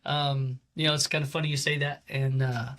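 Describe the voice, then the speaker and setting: A man's voice: medium pitch, level tone, brisk, a bit bright. A man in his forties, a head coach, talking casually in an interview with many fillers and restarts. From American Southwest. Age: 40s.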